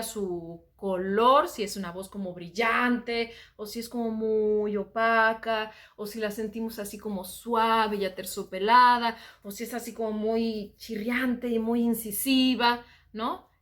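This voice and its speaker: A Mexican woman teaching voice, calmly explaining singing technique and often saying "ajá". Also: on the high side.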